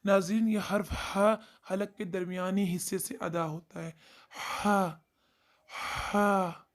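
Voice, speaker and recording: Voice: medium pitch, steady tone, moderate pace. A Quran recitation teacher giving a tajweed lesson, explaining where each letter is sounded and drawing out demonstrations of the letters. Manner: addresses viewers directly and often.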